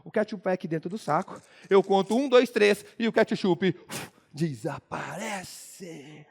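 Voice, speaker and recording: High, gravelly man with a mineiro accent. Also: a little fast. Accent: Minas Gerais Brazilian Portuguese. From Minas Gerais, Brazil. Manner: playful, teasing the audience with jokes. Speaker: motivational speaker. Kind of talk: comic stage talk to a live audience.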